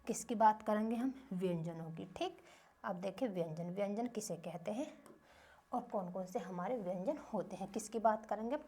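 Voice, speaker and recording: A woman's voice: medium pitch, moderate pace, dark tone, slightly rough. A woman teacher giving a grammar lesson to young children, asking short questions and answering them herself in a repetitive drilling rhythm.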